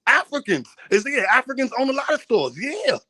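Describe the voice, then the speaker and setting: A man's voice: very high voice, big pitch swings, brisk, bright, forceful tone, breathy edge, no room sound. A man in a heated debate, insistent and talking over the others.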